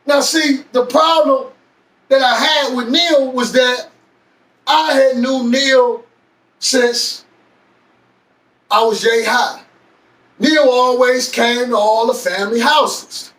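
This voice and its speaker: Guy with a really high voice telling his story slow, echoey room, mic kinda far off. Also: fairly even intonation, fairly bright tone. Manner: slow, deliberate telling with drawn-out pauses. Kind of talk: personal storytelling.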